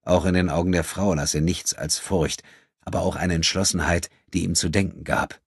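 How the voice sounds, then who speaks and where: Deep husky guy narrating an audiobook, steady and measured, dry close sound. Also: no echo. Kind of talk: scripted narration.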